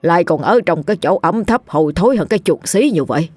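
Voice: mid-range voice, lively intonation, fast talker, dry recording, lightly acted. A storyteller voicing a stern older village man who scolds the couple for neglecting the old woman. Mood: reproachful. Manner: reproachful, demanding.

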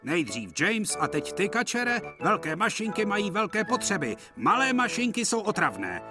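A man's voice: high voice, very animated, pitched above the performer's own voice. A man voicing a big, proud male express engine that talks down to the smaller engines in a haughty, scornful way. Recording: clear music behind.

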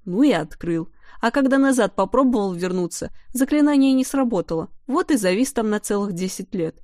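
A woman's voice: mid-range voice, animated, fairly quick, a little mellow, no room sound, clean studio sound, natural voice. A woman reading an audiobook voices a cheeky, amorous male winged creature who grumbles and boasts in a theatrical way. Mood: grumbling.

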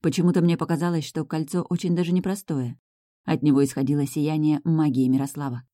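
An audiobook narrator reading a first-person fantasy romance in a calm, measured way on a close studio microphone. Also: medium pitch, no room sound.

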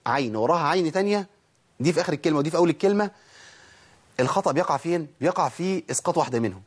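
A man with an Egyptian accent teaching Quran recitation in a casual, lively way, gently scolding common mistakes and chanting slow examples. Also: medium pitch, breathy edge. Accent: Egyptian Arabic. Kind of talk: tajweed lesson.

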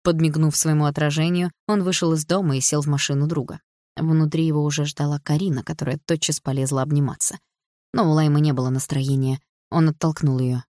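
A woman reading an audiobook in an even, storytelling way. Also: low voice, a little fast, no echo, studio quality. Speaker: audiobook reader. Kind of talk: scripted narration.

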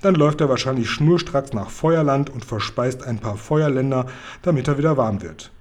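A man's voice: medium pitch, normal speed, lightly acted. A man voicing a kind, big friendly male giant from a storybook, who talks in a folksy way and mangles his words. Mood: earnest. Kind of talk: bedtime story reading.

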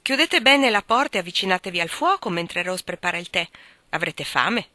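Woman doing a doting mother, gentle and fond, bright dry tone. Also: lowish voice, lively intonation, moderate pace, dry recording. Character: warm doting mother knitting by the fire. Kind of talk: audiobook reading.

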